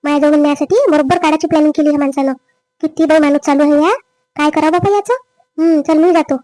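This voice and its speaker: A woman playing a greedy, scheming young wife in a family drama skit, with a quick, complaining manner. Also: sits high, fairly even intonation, dark tone, no room sound, close to an everyday voice. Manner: quick, complaining, rising whine. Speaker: daughter-in-law.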